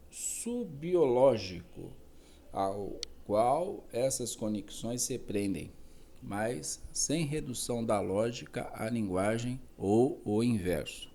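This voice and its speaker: A man reads a dense academic text at a slow, deliberate pace. His voice is dark and mellow, with an even, average pitch. He stops now and then to correct a word or to add a quick aside. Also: vocal fry. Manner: slow, careful reading with self-corrections and asides. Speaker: reader. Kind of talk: reading a philosophy text aloud.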